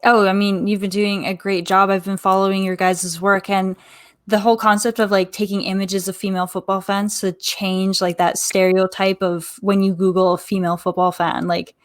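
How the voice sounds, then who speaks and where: A woman's voice: medium pitch, flat delivery, normal speed, no room sound, clean studio sound. A woman interviewer chatting casually and informally, with plenty of filler "like". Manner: informal, uses "like" often.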